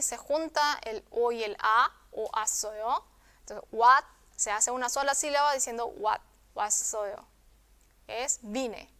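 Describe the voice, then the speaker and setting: A woman teaching a recorded video lesson, patient, often checking in with the viewer and repeating words slowly. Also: a little high, a bit bright, clear, resonant tone. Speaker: language teacher.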